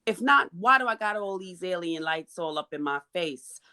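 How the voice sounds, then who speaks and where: A woman's voice: fairly low pitch, animated, moderate pace, sharp tone. A woman on a video call, a panelist who performs a spoken-word poem and speaks with a rhythmic, emphatic delivery. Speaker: panelist, menstrual health advocate.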